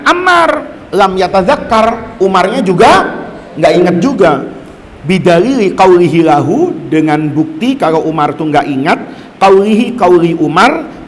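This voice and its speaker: A high-pitched male teacher with an Indonesian accent gives a kitab lesson in a large hall. He reads Arabic text aloud, then explains it in relaxed everyday speech and acts out quoted lines. His voice rings with a long hall reverb. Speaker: Islamic teacher.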